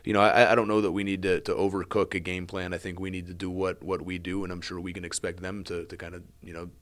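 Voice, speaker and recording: Low flat-voiced male coach. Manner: measured, repeats words while thinking. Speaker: head lacrosse coach. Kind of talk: interview answers.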